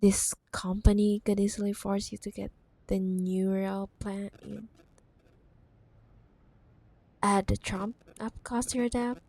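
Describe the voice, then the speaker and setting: A woman with a medium-pitched, darkish voice speaks a little slowly in a level tone. In a roleplay ASMR drama she plays a possessive, menacing corporate CEO ex-girlfriend, mock-sweet and teasing, sometimes dropping to a whisper. Her mood is cold and coaxing.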